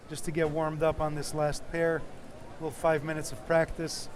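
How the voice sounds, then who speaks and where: A man casually hosting a live sports stream, with an informal, practical way of talking. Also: a little high. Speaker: live-stream host and technical producer. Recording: clearly noisy venue background.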